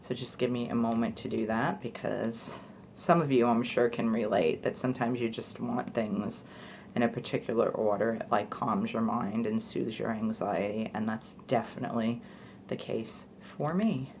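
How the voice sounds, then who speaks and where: A woman's voice: rumbling low, fairly even intonation, normal speed, a little mellow, slight background noise. A young woman chatting casually through a product review, rambling with fillers like "like" and "you know". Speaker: beauty vlogger.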